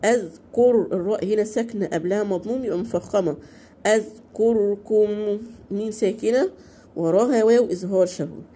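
A woman with an Egyptian Arabic accent teaching Quran recitation to beginners. She recites slowly and drawn out, then explains quickly, asking questions and answering them herself. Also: mid-range voice, warm tone, a little hiss or hum. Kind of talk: beginner tajweed lesson.

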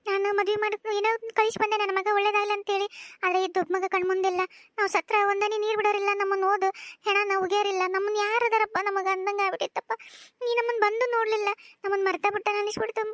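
A woman's voice: very high-pitched, flat delivery, quick pace, a bit bright, dry recording, studio quality. A woman voicing a doting older village mother with a North Karnataka accent, tearful and pleading, in a cartoon. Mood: tearful joy. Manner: pleading, emotional. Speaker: voice actor. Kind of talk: cartoon voice acting.

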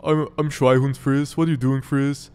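A man's voice: medium pitch, little pitch movement, normal speed, mellow, clear, resonant tone, long reverb tail, close to an everyday voice. A man doing a rambling, good-natured game buddy. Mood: chatty. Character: chatty friendly male game buddy.

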